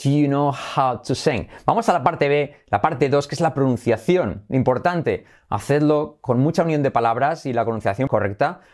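A man with a Spain Spanish accent teaching an English lesson in a playful, bilingual way, slowing down to model phrases. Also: mid-range voice, expressive, a little mellow.

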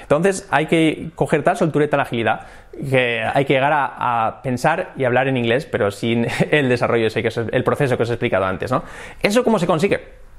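A man with a Spain Spanish accent, an English teacher giving a casual spoken lesson in a lively way. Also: mid-range voice, a little fast. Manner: animated, demonstrates phrases in different tones.

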